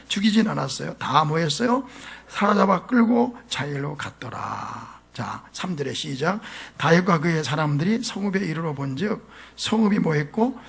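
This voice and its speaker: A man preaching a sermon as pastor, animated and often asking the congregation questions. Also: on the high side, creaky, breathy edge. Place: church sanctuary.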